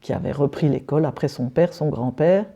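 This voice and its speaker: A woman's voice: deep voice, a little fast, creaky, mellow, breathy edge. A middle-aged woman from Belgium, answering interview questions hesitantly, with many fillers and restarts. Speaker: decorative painter, interview guest.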